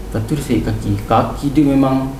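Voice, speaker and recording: A young Malaysian man, a podcast guest, casually tells a ghost story in a medium-pitched, steady voice, talking fast, acting out snippets of dialogue and repeating phrases. The recording sounds roomy and distant-miked, with background noise and music playing underneath.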